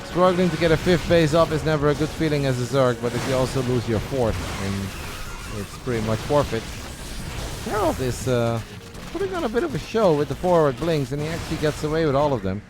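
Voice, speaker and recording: A man casting a strategy game match alone, giving chatty, excitable play-by-play that speeds up and slows down with the action. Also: on the high side. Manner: chatty, excitable, says mate and guys. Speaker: esports caster. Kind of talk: solo play-by-play commentary. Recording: game music clearly behind the voice.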